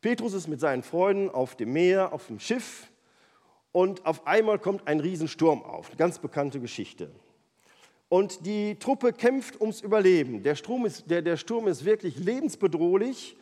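A man in a lively, animated style, retelling Bible stories to a group as its leader. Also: high-pitched, a little slow. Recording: long hall reverb.

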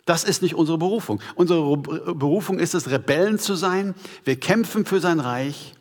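A man's voice: a little high, moderate pace, a little mellow. A man preaching a sermon to a congregation, emphatic and asking them rhetorical questions. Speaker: pastor. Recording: long hall reverb.

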